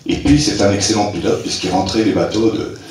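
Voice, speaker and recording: Brisk and expressive, a darkish, lowish male voice belongs to a Breton rural club president speaking at a local fête. Informal and hesitant, he keeps restarting and chuckles at his own humor before a live audience. Recorded in a community hall at the festival, he sounds far away amid the echo.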